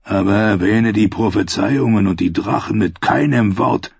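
A man voicing a sardonic old male archmaester, speaking dryly and with quiet menace. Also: lowish voice, vocal fry, husky, dry recording, exaggerated voice. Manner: dry, menacing, unhurried. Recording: dull, dry lo-fi recording.

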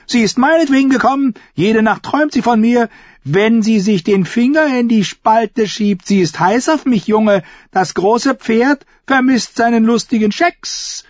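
A man voicing a crude, vicious male jester-outlaw who crows shrill, leering taunts. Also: measured pace, no room sound. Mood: lewd boasting. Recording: dull, lo-fi and dry.

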